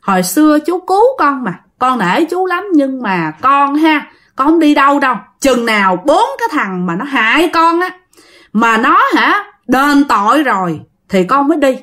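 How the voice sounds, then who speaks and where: A woman with a Southern Vietnamese accent voicing a bitter, vengeful female ghost who scolds in a raised, shrill voice. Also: big pitch swings, normal speed, sharp tone, heavily acted. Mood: gentle pleading.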